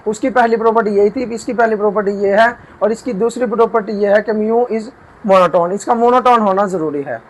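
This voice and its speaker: High-voiced man teaching a math lesson. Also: fairly quick, rough recording. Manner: explains step by step, repeats and asks himself questions. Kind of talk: whiteboard math lecture. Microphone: camera mic while writing.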